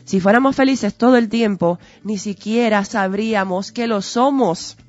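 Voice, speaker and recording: Here her voice sits mid-range and sounds a little mellow at a normal pace. She is still a guest talking through ideas conversationally, earnest and teacherly, full of rhetorical questions, over dull lo-fi sound with faint background music.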